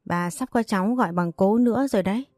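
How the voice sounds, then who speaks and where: A woman's voice: medium pitch, fast talker, a little mellow, no room sound, clean studio sound, soft background music, natural voice. A woman voicing a cheerful, fussing middle-aged mother-in-law in a read-aloud storybook.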